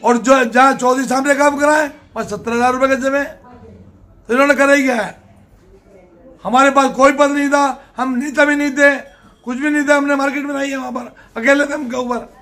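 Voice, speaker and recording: An older man answers interview questions in a plain, emphatic way, often saying a point twice. His voice sits high for a man. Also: steady tone, moderate pace, sharp tone. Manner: plain-spoken, emphatic, repeats himself. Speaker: political candidate.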